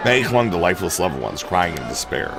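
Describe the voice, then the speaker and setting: A man's voice: low-pitched, very animated, brisk, vocal fry, a crowd in the background. A man streaming a game playthrough, reading the story text aloud with casual, sweary asides. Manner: casual asides with swearing between read lines. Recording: game music playing behind.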